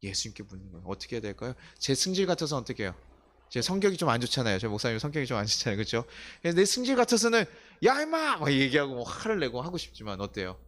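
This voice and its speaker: A middle-aged male pastor preaches in a church, and his pitch rises and falls a great deal. He speaks in a conversational style and keeps asking the congregation questions. He slips into the voices of the people in his stories. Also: expressive, rapid-fire, a bit bright. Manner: acts out quoted voices. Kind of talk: sermon. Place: church sanctuary.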